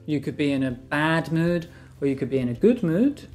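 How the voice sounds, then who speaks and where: A man's voice: fairly high pitch, expressive, moderate pace, darkish tone, faint music behind. A man teaching vocabulary, patiently repeating each word for practice. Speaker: English teacher. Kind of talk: bilingual vocabulary lesson.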